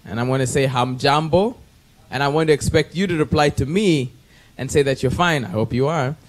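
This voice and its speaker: A man's voice: a little high, a little fast. A man in his thirties from Kenya, introducing himself playfully into a handheld mic in a conference room. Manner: playful, chatty. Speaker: conference participant. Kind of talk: self-introduction to an audience.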